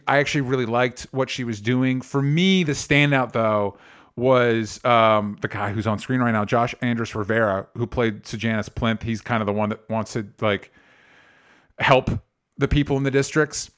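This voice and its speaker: A man's voice: medium pitch, moderate pace. Chatty man co-hosting a movie podcast. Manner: chatty, hesitant with fillers and restarts. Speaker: podcast co-host. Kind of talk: casual movie chat.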